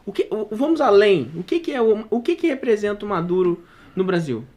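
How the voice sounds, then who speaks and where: A Brazilian man moderating a political debate, speaking haltingly with many restarts. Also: high voice, big pitch swings, darkish tone. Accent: Brazilian Portuguese.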